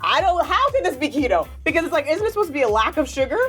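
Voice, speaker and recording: A woman co-hosting a casual tasting show, blunt and dramatic, with a lively pitch that swings widely. Faint music sits under her chat. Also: racing. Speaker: co-host.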